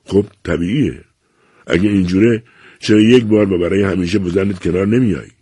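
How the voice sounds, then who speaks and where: A man's voice: low voice, steady tone, warm tone, slightly rough, no room sound. A man reading a novel aloud, voicing an elderly doctor who curtly and impatiently scolds his grown son. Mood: dismissive. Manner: curt, commanding, exasperated.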